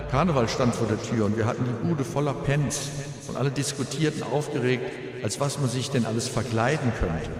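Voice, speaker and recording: A middle-aged man giving a funeral eulogy as a bereaved father, in a measured, solemn way with dry humour and deliberate pauses. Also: medium pitch. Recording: very echoey hall, long reverb.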